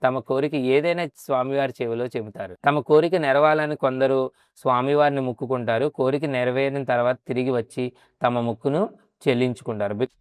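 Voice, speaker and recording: A man's voice: medium pitch, quick pace, clear, resonant tone, no echo, studio quality. A man narrating a temple's story and then guiding viewers around it in a polite, casual way. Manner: polite, adds a respectful "andi" often while showing the site. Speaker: travel vlogger and temple guide. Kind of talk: narration and casual guided tour.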